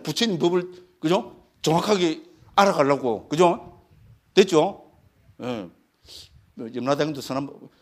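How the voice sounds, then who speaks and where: Middle-aged man, husky, high-pitched Buddhist monk preaching with emphatic, checking-in delivery. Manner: emphatic, constantly checking with listeners; mimics chanting and shouts. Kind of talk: dharma talk.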